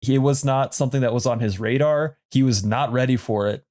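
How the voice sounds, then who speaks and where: Male co-host, 30s, mid-range voice, measured and hesitant delivery. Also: mid-range voice, a little mellow. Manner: thoughtful, hesitant, many fillers. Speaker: podcast co-host. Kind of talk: casual chat.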